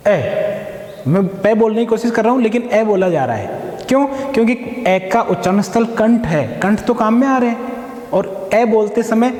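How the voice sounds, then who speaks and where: A man teaching a Sanskrit grammar lesson in a slow, deliberate way, drawing out conjugations and sounding out syllables. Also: high voice, darkish tone. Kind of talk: classroom-style grammar lesson. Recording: echoey room with long reverb.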